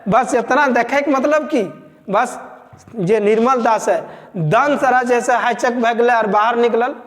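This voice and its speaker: High-voiced teacher with a Jharkhand Khortha lilt. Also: male voice, big-room sound. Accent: Khortha-speaking Jharkhand. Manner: conversational, tags lines with 'बुझले'. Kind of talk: explaining a story to exam students.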